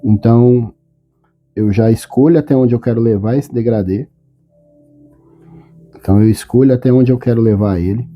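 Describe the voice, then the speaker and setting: A man teaching a step-by-step drawing tutorial, calm and patient, often checking in with short questions. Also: mid-range voice, normal speed, pauses often, faint music behind.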